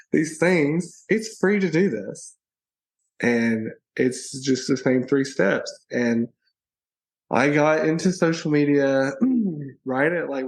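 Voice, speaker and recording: A social media personality from Alabama, USA, chats as a guest in a casual interview. The man's voice is mid-range and the audio is poor. He comes across playful and bubbly, laughing often.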